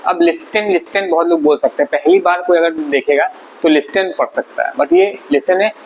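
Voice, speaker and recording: A man's voice: a little high, normal speed, low-quality recording. A man teaching an English vocabulary lesson, explaining patiently and repeating words syllable by syllable. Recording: faint background noise.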